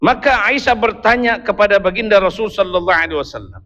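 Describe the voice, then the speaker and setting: A man's voice: high voice, lively intonation, fast talker, a bit bright. A male preacher giving a sermon, telling a story with playful asides to his listeners. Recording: dull, echoey hall recording.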